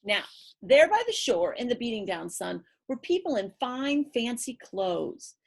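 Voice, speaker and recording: A woman with a fairly high, sing-song voice that's creaky and slightly rough reads a picture book to children. Her delivery is playful, drawn-out and rhythmic, and she drops chatty asides to her young listeners along the way.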